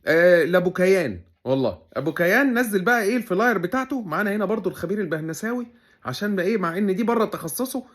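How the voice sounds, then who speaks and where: A man's voice: high voice, lively intonation, rapid-fire. A man with an Egyptian Arabic accent hosting a comedy show, giving sarcastic, mock-serious commentary in a teasing way.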